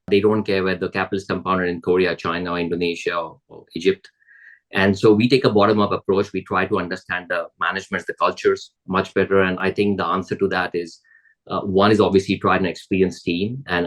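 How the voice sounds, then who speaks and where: A man from India speaks with a low voice as a guest on a podcast interview. He sounds middle-aged and answers thoughtfully, often restarting his sentences as he works out his point. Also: rough recording. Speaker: emerging markets investor.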